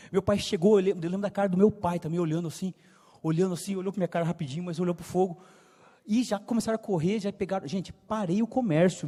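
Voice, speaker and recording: A Brazilian man in his thirties preaching to young people as a story, with a countryside São Paulo accent, his voice swinging loud and soft. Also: high voice. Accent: Brazilian Portuguese, São Paulo countryside. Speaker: youth preacher. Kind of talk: sermon told as a personal story. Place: church hall. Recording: church hall reverb.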